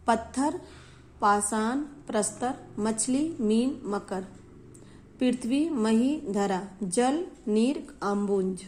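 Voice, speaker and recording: A woman school teacher, giving a patient Hindi grammar lesson to children. She repeats words slowly and mixes in English terms. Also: fairly high pitch, mellow.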